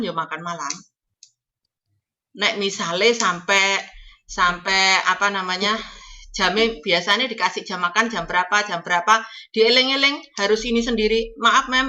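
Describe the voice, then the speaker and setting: A woman's voice: mid-range voice, bright, forceful tone, lo-fi sound. A woman from Java with a Javanese accent, giving chatty, coaching advice to domestic workers heading abroad and slipping into Javanese phrases. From Java, Indonesia. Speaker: agent advising domestic workers going abroad. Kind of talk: casual advice talk.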